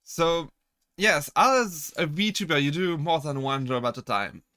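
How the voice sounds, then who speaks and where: A man on a casual chat stream, talking as a VTuber with a bright, forceful tone that sits a little high. He rambles, corrects himself mid-sentence and breaks into laughter while answering chat. The sound is dry and close, with no room around it. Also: expressive, a little slow, dry recording. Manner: chatty, rambling, self-correcting.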